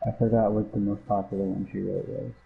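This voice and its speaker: A man's voice: on the low side, little pitch movement, quick pace, creaky. Man talking into a cup. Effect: muffled, like talking into a cup. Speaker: stream co-host. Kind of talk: casual chat. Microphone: bad headset. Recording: tinny, phone-like headset sound.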